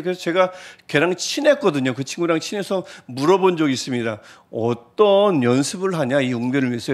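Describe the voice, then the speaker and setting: Male pastor, middle-aged, high-pitched, animated and self-deprecating sermon delivery. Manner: animated storytelling, swings from soft asides to shouted exclamations; self-deprecating, laughs at himself.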